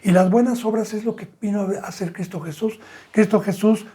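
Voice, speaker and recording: A middle-aged man preaching a sermon as pastor, asking his listeners rhetorical questions and calling them brothers and sisters, with sudden emphatic rises in pitch and volume. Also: fairly even intonation, a little fast, warm tone, slightly rough.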